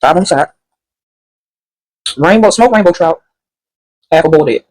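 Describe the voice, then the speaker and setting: A woman's voice: lowish voice, expressive, normal speed, darkish tone, dry recording, poor audio. A woman doing a casual, rambling food review at home, sassy and sometimes talking while she eats.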